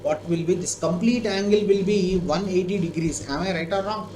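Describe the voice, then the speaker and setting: A high-voiced man with an Indian accent teaches maths live online, talking through each step of a problem. He often repeats himself and checks that learners follow. The sound is echoey, with clear noise behind him. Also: normal speed, a little mellow. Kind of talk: live online lesson, working a problem aloud.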